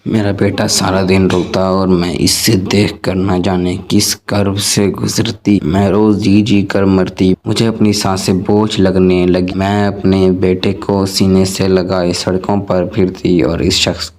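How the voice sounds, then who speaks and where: Deep, monotone male storyteller. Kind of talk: scripted first-person story narration.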